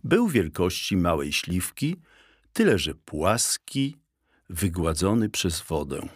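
Audiobook narrator for kids, deep husky voice, lively dry delivery. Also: male voice, no echo. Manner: unhurried, expressive storytelling. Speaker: audiobook reader. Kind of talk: children's story narration.

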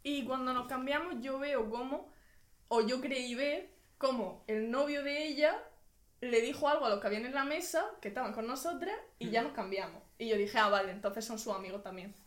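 A young Murcian woman tells a story on a podcast, laughing as she goes and acting out the dialogue in her own voice. Her voice sits fairly high. The room around her is echoey. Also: moderate pace. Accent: Spanish from Murcia. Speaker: podcast guest. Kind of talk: casual storytelling.

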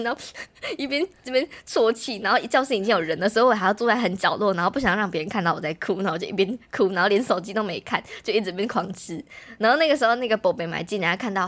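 A young woman, telling a personal story in animated, casual chat as a podcast host. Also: medium pitch. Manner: fast, animated storytelling, mimics others' voices.

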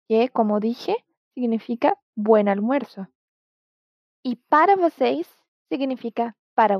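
Patient and slow, a Portuguese teacher who grew up speaking it gives a language lesson in a fairly high voice. She lays out words slowly for the learner to say back, and the recording is dull, dry and lo-fi without room sound.

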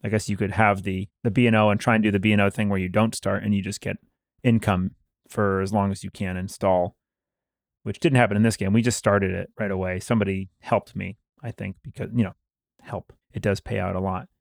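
A man's voice: fairly low pitch, steady tone, gravelly, no echo, clean studio sound. Man explaining game rules casually. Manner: explanatory, pauses with fillers while recalling details. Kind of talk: casual board game discussion.

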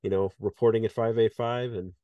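Man, podcast host, deep voice, dry close mic, casual, jokey. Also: steady tone, fairly quick, dry recording, muffled recording. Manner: chatty, self-mocking, laughs at his own stories. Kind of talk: casual interview chat.

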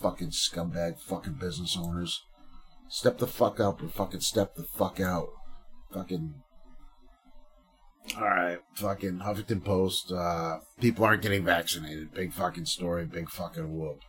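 A man's voice: low voice, fairly even intonation, normal speed, fairly bright tone. A man, a comedian, reading news stories aloud and swearing through sarcastic commentary. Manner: crude, sarcastic, swears constantly; reads headlines aloud with mock emphasis. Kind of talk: profane news commentary podcast.

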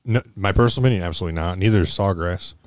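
A man's voice: sits low, racing, no echo. A man co-hosting a casual sports chat, blunt and opinionated. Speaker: podcast co-host.

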